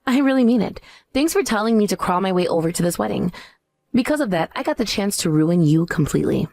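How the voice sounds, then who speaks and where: A woman's voice: mid-range voice, animated, quick pace, gravelly, a little mellow, no echo. A woman playing a cool, scornful wife out for revenge in a dramatized story. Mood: smug triumph. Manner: taunting, cool. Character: scornful, vengeful pregnant ex-wife, coolly triumphant. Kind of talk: dramatized story dialogue and narration.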